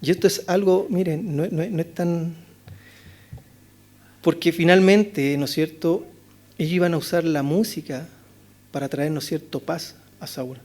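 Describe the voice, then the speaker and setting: A man's voice: a little high, fairly even intonation, a little slow, long pauses. A male pastor with a Chilean accent preaching an expository sermon, asking rhetorical questions and often adding "¿no es cierto?". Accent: Chilean Spanish. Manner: rhetorical questions, frequent "¿no es cierto?", swings between loud and hushed. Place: church chapel.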